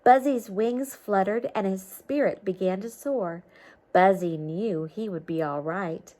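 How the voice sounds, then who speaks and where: A children's storybook reader, she has a warm, mid-range voice and speaks a little slowly. She reads a picture book aloud with expression, pausing for friendly asides that explain things simply, encourage the kids, and check their understanding.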